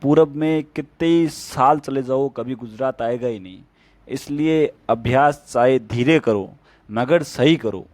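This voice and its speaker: A man's voice: medium pitch, unhurried, darkish tone, no echo. A man who teaches stenography gives a casual spoken tutorial with plain, step-by-step tips.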